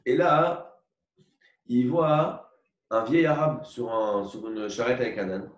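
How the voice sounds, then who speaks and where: Man lecturing in an echoey room. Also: mid-range voice. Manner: explains slowly with repetitions and asides, asks for agreement. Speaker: Torah teacher. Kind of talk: religious lecture with a parable. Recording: echoey room recorded from far off.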